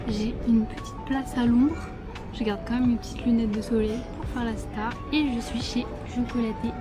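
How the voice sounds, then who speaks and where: A young woman chatting casually to her camera in a vlog, with many fillers and repeated words. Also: a little high. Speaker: vlogger. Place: out and about in town, café terrace.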